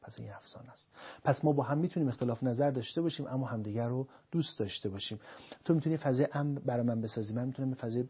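A man, a couples counselor, explaining calmly and acting out dialogue between partners. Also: mid-range voice, slightly rough, muffled recording. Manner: calm, acts out couples' dialogue. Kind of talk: explaining to an interviewer.

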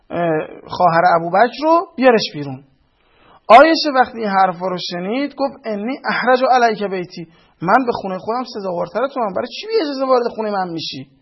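A man who comments critically on film clips, arguing his case and citing sources. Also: high voice. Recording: dull lo-fi audio.

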